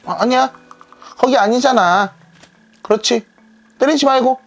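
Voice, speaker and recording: A woman's voice: fairly high pitch, measured pace, soft background music. A woman streamer chatting playfully to her viewers while playing a game. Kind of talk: casual gameplay chat.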